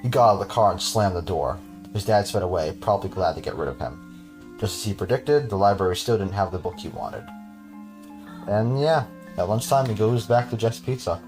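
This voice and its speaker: Man with a lowish voice reading a creepy story for a podcast, casual, stops to joke and laugh. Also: expressive, a little fast, darkish tone, soft background music. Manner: casual, chuckling, breaks off to joke with his cohost. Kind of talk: reading a horror story aloud with jokey asides.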